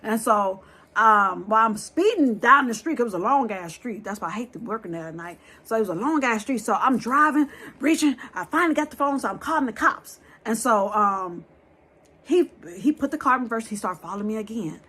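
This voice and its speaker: A woman telling a scary true story to her viewers in a lively, blunt way, talking straight to them and swearing freely. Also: fairly high pitch, fairly quick, breathy edge.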